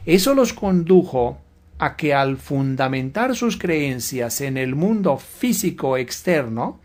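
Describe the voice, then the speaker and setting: A man speaks slowly and deliberately. He sounds like a guest lecturing on a religious radio program, laying out each point in a measured way. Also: mid-range voice, sing-song, a little mellow. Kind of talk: slow explanatory religious radio talk.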